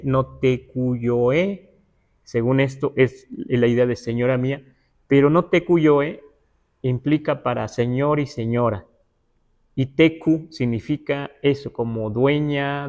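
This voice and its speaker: A man's voice: medium pitch, darkish tone. A man from the Huasteca teaching a livestreamed Nahuatl class, reading passages aloud and glossing them word by word. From Huasteca, Mexico. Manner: slow, explanatory, reads aloud and glosses word by word; checks in with listeners, asking "¿verdad?".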